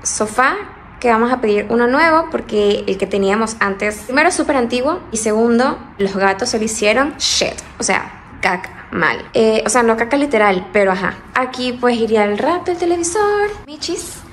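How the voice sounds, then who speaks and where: This vlogger's fairly high, slightly bright voice has lively intonation and a moderate pace as she laughs and chats to her phone camera. She's moving into an empty apartment whose rooms echo, with music underneath and slight background noise.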